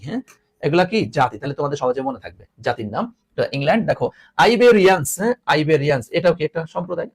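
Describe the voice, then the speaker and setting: A man's voice: a little high, husky. A man teaching English grammar in a video lesson, repeating each point and asking his students rhetorical questions. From Bangladesh. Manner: lively, repeats points, asks rhetorical questions, teasing asides.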